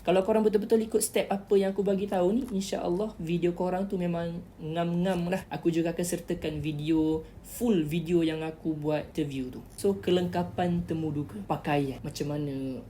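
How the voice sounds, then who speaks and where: A woman's voice: lowish voice, fairly even intonation, moderate pace, dark tone, slight background noise. A woman giving chatty, instructive tips in a casual tutorial vlog, repeating key words as she explains. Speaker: vlogger giving interview tips.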